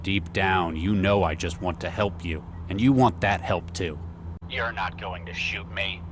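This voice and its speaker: A man playing a grave, remorseful agent in a sci-fi video game, measured, earnest and persuasive. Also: sits low, background noise. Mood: calm, persuasive.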